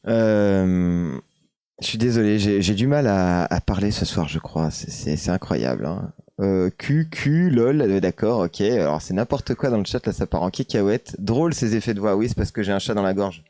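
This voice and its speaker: A man's voice: lowish voice, lively intonation, moderate pace, warm tone, no room sound. A man with a French accent hosting a casual live stream, hesitant with many fillers, reading chat comments aloud and answering them.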